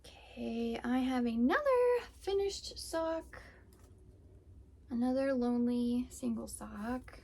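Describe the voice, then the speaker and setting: With a fairly high but gravelly, dark voice, a young woman talks slowly on her laid-back crafting podcast. She's a yarn dyer and host who rambles casually with plenty of fillers while showing what she's made.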